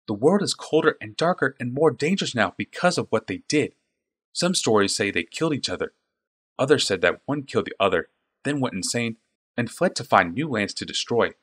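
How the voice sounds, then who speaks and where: A man narrating a fantasy audiobook with an expressive, varied delivery. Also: medium pitch, brisk, slightly rough.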